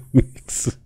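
A man's voice: very high-pitched, fairly bright tone. A man casually commenting on a horror game during a live stream, joking and chatting with his viewers.

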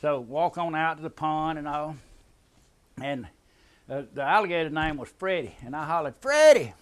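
Older Southern man with a high drawl. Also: normal speed, fairly bright tone. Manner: drawling, rambling, chuckles at his own tale. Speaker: storyteller. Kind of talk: folksy family storytelling.

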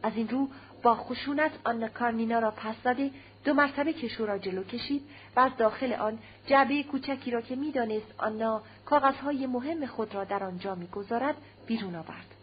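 Slightly high-voiced woman audiobook narrator. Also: breathy edge, dull audio. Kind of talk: scripted narration of a classic novel.

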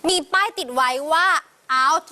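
An actress playing a sharp young daughter who scolds and explains English in a sitcom comedy. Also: female voice, very high voice, unhurried, very noisy. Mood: scolding. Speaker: guest star.

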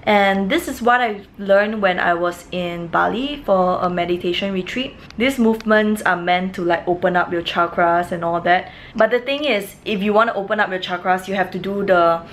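A young woman, a fitness vlogger, chats casually to camera in a large indoor gym studio, tired after her workout. Her medium-pitched, fairly bright voice moves at a moderate pace with few pauses, loose and full of fillers. A little hiss or hum sits in the recording.

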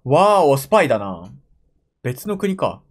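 A man's voice: medium pitch, sing-song, unhurried. A young man from Japan giving casual reaction commentary while watching, muttering to himself with frequent exclamations, recorded at home on a desk mic. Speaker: anime reaction streamer. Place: room at home, seated in a gaming chair.

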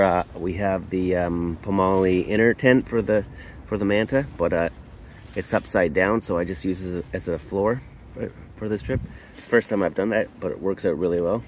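A man from Canada giving a casual tour of his camping setup inside a hot tent, pausing often with uh and restarting sentences. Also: low-pitched, a little hiss or hum. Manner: halting, lots of uh and restarts. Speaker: camping vlogger.

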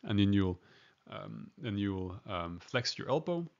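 Gravelly low-voiced man lecturing. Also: sing-song, measured pace. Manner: hesitant, many fillers and restarts, chuckles at himself. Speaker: emergency medicine lecturer. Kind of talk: informal medical lecture. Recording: dull lo-fi recording.

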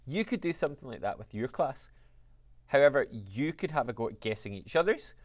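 A man teaching a music technology lesson, explaining software steps in an upbeat, chatty way. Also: mid-range voice, sing-song, brisk.

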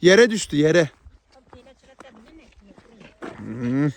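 A man's voice: fairly high pitch, sing-song, drawn-out words, vocal fry, a little hiss or hum. A man from Southeast Turkey vlogging outdoors in a rural village, chatty and playful with a teasing manner. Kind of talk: casual vlog chat.

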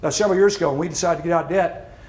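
High-voiced emphatic preaching man. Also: racing, a little mellow, echoey room. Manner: emphatic, repeats key lines. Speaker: pastor. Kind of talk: sermon. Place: church hall.

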